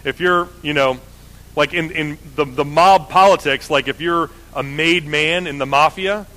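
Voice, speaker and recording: A man's voice: on the high side, measured pace, bright, forceful tone, low-quality recording. A man teaching the Bible in a casual, conversational way, often correcting himself. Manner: conversational, self-correcting, many fillers.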